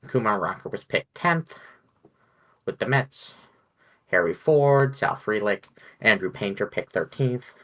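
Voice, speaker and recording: A man with a very low, deep voice co-hosts a casual podcast. He rambles, hedges and thinks out loud as he talks. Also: lively intonation, a little slow, long pauses, low-quality recording. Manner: rambling, hedging, thinks aloud. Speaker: podcast co-host. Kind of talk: casual chat.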